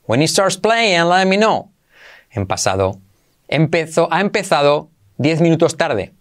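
A man teaching English to Spanish speakers, saying phrases slowly and repeating them while he explains pronunciation. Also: on the high side. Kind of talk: bilingual language lesson.

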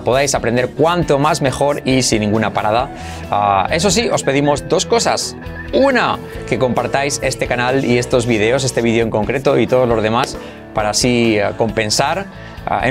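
A man from Spain with a Spanish accent, teaching English phrases in an energetic lesson and coaxing the listener to repeat after him. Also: medium pitch. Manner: drills phrases slowly, coaxing "come on, repite conmigo".

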